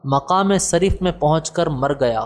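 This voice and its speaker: A man narrates a religious biography in a steady, formal reading voice. His voice sits a little high. It carries a long reverb that trails after each phrase. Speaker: audiobook narrator.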